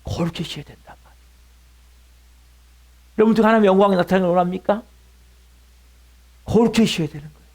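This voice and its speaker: A middle-aged male pastor preaching a sermon, pressing his point with rhetorical questions and sudden drops to a hush. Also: sits high, quick pace, long pauses.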